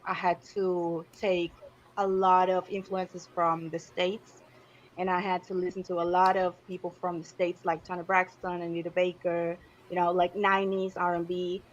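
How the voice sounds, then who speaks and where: A woman in her twenties from Argentina, a guest artist talking casually in an interview, animated and searching for words. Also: on the low side, moderate pace, slight background noise. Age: 20s. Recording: slightly dull lo-fi audio.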